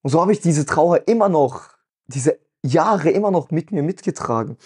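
Husky-voiced man telling a personal story. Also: a little high, expressive, moderate pace, a little mellow. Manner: earnest, emotional, full of "weißt du" fillers. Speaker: podcast host.

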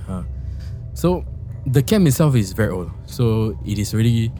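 A young Singaporean man hosting a podcast, chatting and telling personal stories in an animated, slangy way. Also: on the low side, normal speed, soft background music. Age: young adult. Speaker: podcast host. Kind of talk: casual chat and personal storytelling. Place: podcast studio.

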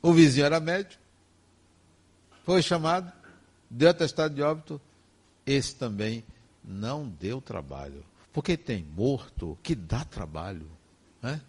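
An older man with a Brazilian Portuguese accent, giving a personal testimony as a spiritist speaker in slow, emphatic, emotive storytelling. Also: medium pitch, sing-song, darkish tone, breathy edge.

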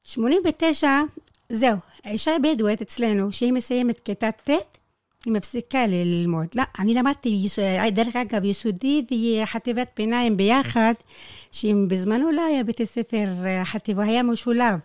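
A Bedouin tour guide from the Negev in Israel, speaking Hebrew in a fairly high voice, tells personal stories as an interviewee. She is animated, acts out quoted dialogue, and makes non-native grammar slips, all captured in a dry, clean studio recording.

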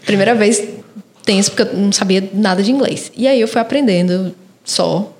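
Chatty Brazilian woman, mid-pitched. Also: a little mellow, a little hiss or hum. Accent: Brazilian Portuguese. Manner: chatty and quick to laugh. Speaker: guest. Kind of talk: casual podcast chat.

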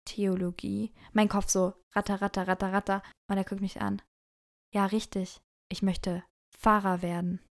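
A young woman hosting a podcast, casually telling a dating story to her listeners and acting out both sides of the dialogue. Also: mid-range voice. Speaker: podcast host.

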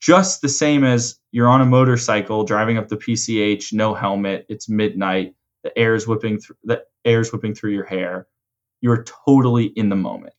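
A man in a conversational coaching role, explaining ideas in a measured way and rephrasing his points. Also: on the low side, fairly even intonation, highs cut off. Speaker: host and coach explaining mental frameworks.

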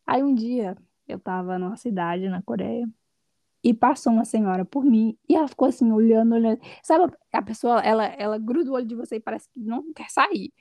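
A woman guest on a podcast, telling her stories in a casual, lively way and laughing often. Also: a little high, brisk, no room sound, clean studio sound. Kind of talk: casual conversational storytelling.

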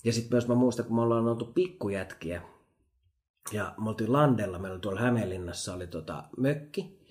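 Podcast co-host: man, animated storyteller, lower voice, roomy sound. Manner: animated storyteller, laughs often, many fillers. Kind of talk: casual chat.

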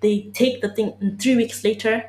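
A woman's voice: fairly high pitch, steady tone, normal speed, a little mellow, roomy sound. A woman from South Africa co-hosting a casual podcast chat, talking in an earnest, emphatic way. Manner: earnest, emphatic, talks through ideas at length.

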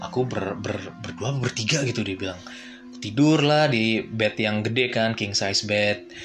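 Low-voiced man telling spooky stories casually. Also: unhurried, over music. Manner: slangy Jakarta-style chat with many fillers. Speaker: podcast host and teacher. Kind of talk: casual storytelling podcast.

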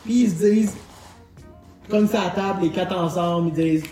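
A man's voice: high voice, steady tone, a little fast. A man with a Québécois French accent chatting and telling stories as a podcast host, in a joking, colloquial way. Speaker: podcast host presenting a car segment. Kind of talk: casual chat and storytelling. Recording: roomy echo, music underneath.

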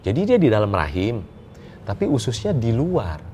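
A middle-aged man, a guest telling a personal story in an interview, animated and quick to laugh. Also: on the low side, slight background noise. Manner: animated, laughs often, acts out dialogue.

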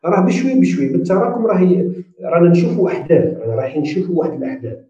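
A man with an Algerian accent explains ideas patiently in a casual discussion, mixing in English terms. His voice is dark and mellow and he speaks quickly. He sounds far from the mic in a roomy, echoing space, and the recording is dull and lo-fi. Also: a little high, animated. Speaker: discussion participant.

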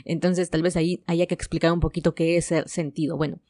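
A woman's voice: deep voice, flat delivery, fairly quick, warm tone, no echo, clean studio sound. A woman from Mexico with a Mexican Spanish accent, hosting a relationship advice podcast in a chatty, frank way with playful asides. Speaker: podcast host.

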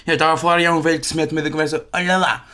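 A young man with a European Portuguese accent co-hosting a casual podcast, who tells stories in an animated, ranting way. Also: a little high, racing. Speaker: podcast co-host.

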